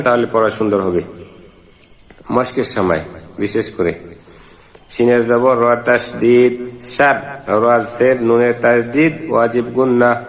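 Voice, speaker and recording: A man teaching Quran reading. He spells out letters and vowel marks one by one, then chants each verse slowly. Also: mid-range voice. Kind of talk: step-by-step recitation lesson.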